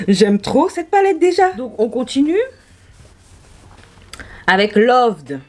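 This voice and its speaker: A woman's voice: high-pitched, very animated, extremely slow, pauses often, darkish tone. Gushing young French woman swatching makeup. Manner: gushing, exclamatory, marvelling aloud. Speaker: beauty vlogger. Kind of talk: casual makeup swatch commentary.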